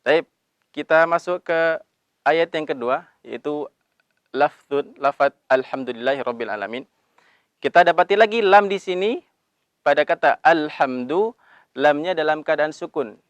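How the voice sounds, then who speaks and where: A man teaching Quran recitation, explaining letters patiently and drawing out the recited verses slowly. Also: on the high side, no room sound. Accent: Indonesian. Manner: slow drawn-out recitation of verses between brisk explanations; calls himself Abi, patient instructive tone. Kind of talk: recitation lesson with chanted examples.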